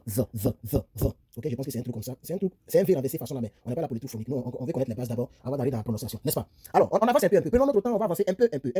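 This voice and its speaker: A man gives a casual English grammar lesson at a quick clip, his voice husky and dark. He repeats points often, talks through what he writes on a tablet and corrects his own slips. The sound is dry and close, with no room around it. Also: medium pitch, dry recording. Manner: chatty, repeats himself, narrates his drawing on a tablet, self-correcting. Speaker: English teacher. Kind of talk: casual screen-recorded lesson.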